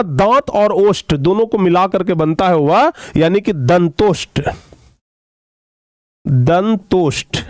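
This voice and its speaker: A man teaching a grammar lesson to children, repeating key terms slowly and checking that they follow. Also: fairly high pitch, a little mellow, no echo, studio quality.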